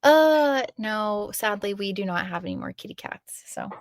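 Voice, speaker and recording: A woman's voice: medium pitch, expressive, normal speed, no echo. A woman in her thirties co-hosting a podcast, talking in casual chat with dry, self-deprecating humor. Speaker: podcast co-host.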